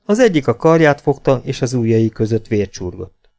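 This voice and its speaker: Man, audiobook narrator, mid-pitched voice, lively dialogue. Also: faint music behind. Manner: raises pitch and volume sharply for shouting outlaws. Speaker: audiobook reader. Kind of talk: audiobook narration of a western novel.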